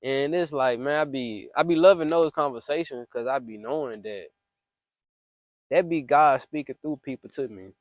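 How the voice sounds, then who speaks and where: A man with a mid-pitched voice speaks off the cuff, as if venting into a voice memo. His delivery is earnest and preachy, with casual street slang and emphatic phrasing. The sound is close and dry, with little room around it. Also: moderate pace, no room sound. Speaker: speaker sharing personal faith reflections.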